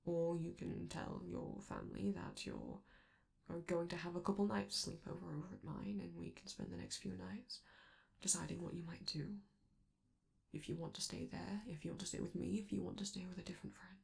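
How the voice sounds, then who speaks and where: A woman voices a flamboyant, protective robot entertainer in an intimate ASMR comfort roleplay, fully in character. Her lowish voice swings hugely in pitch at a fairly quick pace, soft and theatrical, full of affection and hesitance, with breathy drops into whispers. She sounds reassuring and protective.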